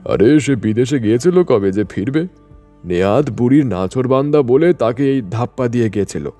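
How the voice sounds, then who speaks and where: A man voicing an irritated, blunt village man in a story reading, gruff and scornful. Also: mid-range voice, animated, moderate pace, warm tone, soft background music, close to an everyday voice. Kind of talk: storybook narration.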